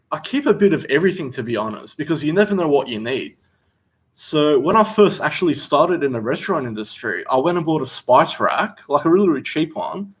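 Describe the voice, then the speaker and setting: A young chef from Western Australia, with a fairly high-pitched voice, hosts a casual livestream Q&A while seated indoors. He reads out viewer questions and answers them in a relaxed, chatty way.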